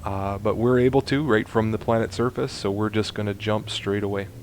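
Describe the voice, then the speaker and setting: A man narrating a space game walkthrough, explaining steps to viewers in a chatty, instructive way and getting excited at times. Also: on the low side, a little fast, slight background noise. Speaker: gaming YouTuber. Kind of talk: let's play walkthrough commentary.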